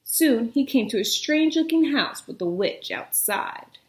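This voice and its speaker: High-voiced woman reading a storybook, echoey. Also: very animated, unhurried. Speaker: storyteller reading a children's book aloud. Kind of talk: expressive storybook narration.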